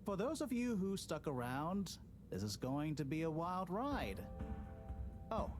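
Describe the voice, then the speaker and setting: A man's voice: on the high side, sing-song, a little slow. A man playing a nerdy, wry, anxious professor in a video game, with a pedantic manner. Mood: pedantic, self-satisfied. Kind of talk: video game character acting. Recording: music behind the voice.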